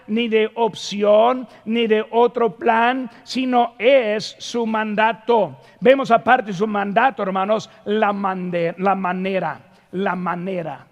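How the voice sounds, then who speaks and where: High-voiced preacher in echoing church. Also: male voice. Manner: emphatic, repeats key phrases, swings between loud calls and hushed words. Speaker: pastor. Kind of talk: Spanish-language sermon. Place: church sanctuary.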